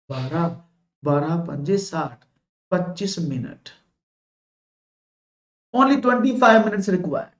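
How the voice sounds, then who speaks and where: Encouraging male maths teacher, roomy dull audio. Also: high-pitched. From India. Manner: encouraging, praises viewers' answers, explains step by step. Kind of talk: live online exam-prep class.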